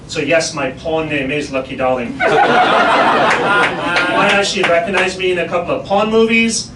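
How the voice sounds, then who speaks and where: A man's voice: fairly high pitch, fairly even intonation, moderate pace. A middle-aged man from Pakistan with an English accent, doing a stand-up comedy set on a club stage with dry, self-mocking punchlines. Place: improv club stage before a live audience. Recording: roomy, distant live club recording with loud noise.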